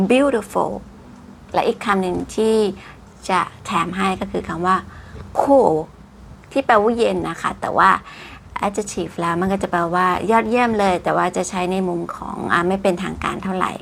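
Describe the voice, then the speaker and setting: A woman giving a casual English vocabulary lesson, drawing out each word slowly with exaggerated mouth shapes. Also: mid-range voice, vocal fry, a bit bright, slight background noise. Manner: exaggerated slow pronunciation of English words; chatty, polite particles.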